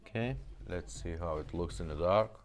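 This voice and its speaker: A man who speaks English as a second language, giving a casual, halting step-by-step product demonstration. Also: sits low. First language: not English. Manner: halting, plain step-by-step explaining. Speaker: presenter demonstrating restored car radios.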